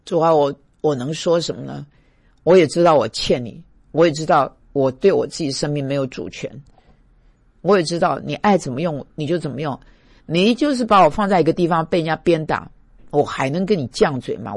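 A man's voice: on the high side, animated, brisk, gravelly, husky, dry recording. A man from Taiwan, a pastor giving an emotional devotional talk, stammering and plaintive.

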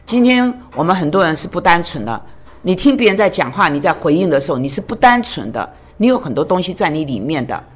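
Earnest woman preacher, slightly low voice. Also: sing-song, quick pace. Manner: earnest, asks the listeners many rhetorical questions. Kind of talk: sermon.

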